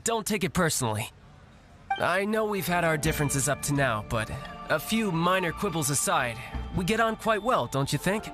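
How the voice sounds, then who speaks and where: An actor playing a polite but competitive young male warrior in a video game, smooth and teasing, with game music behind. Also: a little high, very animated, normal speed. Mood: confident.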